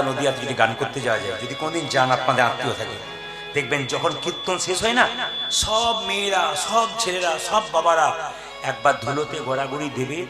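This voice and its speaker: A man telling devotional stories as a kirtan singer, breaking into sung verses and urging the audience to repeat lines loudly. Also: fairly high pitch. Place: live devotional stage before an audience. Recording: loud harmonium and tabla behind the voice.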